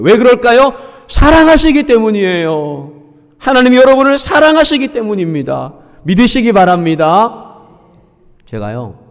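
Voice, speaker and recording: Animated middle-aged male pastor preaching. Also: sits high. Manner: animated preaching with call-and-response and sung lines. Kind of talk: sermon. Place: church sanctuary. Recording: long church hall reverb.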